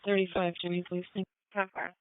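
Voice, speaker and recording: Female police radio dispatcher, very crisp and smooth, procedural delivery, thin phone-like scanner sound. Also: on the low side, flat delivery, brisk, dry recording. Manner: procedural, reads out codes and addresses. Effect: radio transmission. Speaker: emergency dispatcher.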